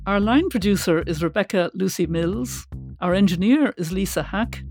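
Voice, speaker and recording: A woman's voice: mid-range voice, normal speed, a little mellow, soft background music. A woman co-hosting a podcast who speaks with a dry, wry humor, asking questions and reading the outro. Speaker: podcast co-host. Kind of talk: podcast chat and scripted outro.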